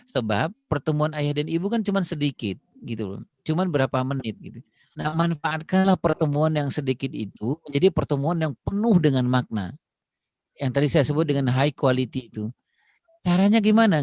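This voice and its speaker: Man giving a relaxed parenting talk. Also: mid-range voice, no room sound, clean studio sound. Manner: explains with many "gitu" fillers, acts out phone dialogues. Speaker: parenting speaker.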